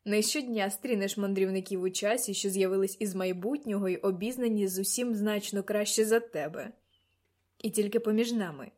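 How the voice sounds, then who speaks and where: A woman reading an audiobook, voicing a genial male doctor with a dry, amused courtesy in a slightly lowered voice. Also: a little mellow, close to an everyday voice. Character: genial middle-aged male doctor, wry.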